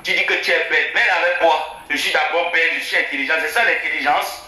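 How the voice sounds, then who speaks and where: A man rants angrily in a heavily echoing recording with music behind him. His voice is high and forceful. He scolds and throws out insulting rhetorical questions. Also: fairly even intonation, quick pace. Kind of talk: angry informal rant. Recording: heavy echo with music behind.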